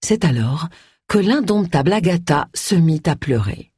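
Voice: medium pitch, unhurried, husky, no room sound, clean studio sound. An audiobook narrator reading a novel aloud in a scripted narration style, changing the voice for each character. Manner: expressive, shifts voice for each character.

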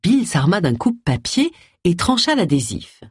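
An audiobook reader giving expressive scripted narration close to the mic. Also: medium pitch, moderate pace, slightly rough, no room sound. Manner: expressive storytelling.

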